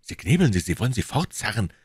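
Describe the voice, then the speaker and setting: A man's voice: lowish voice, very animated, fast talker, darkish tone, husky, dry recording, clean studio sound, voice pushed up, heavily acted. A man voicing a bold, hot-headed young swordsman with urgent commanding outbursts in a storybook.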